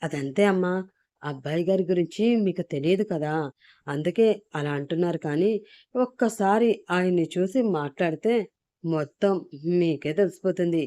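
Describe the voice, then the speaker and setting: A woman voicing a nervous female house cook who warns in a hurried, hushed way. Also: lowish voice, no echo, natural voice.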